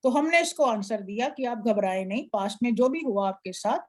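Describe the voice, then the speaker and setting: Teacher-voiced woman, explaining cards, slightly high voice. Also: animated, fairly quick, a little mellow. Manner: explanatory, instructive, asks an assistant to show slides. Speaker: tarot teacher. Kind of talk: live online class lecture.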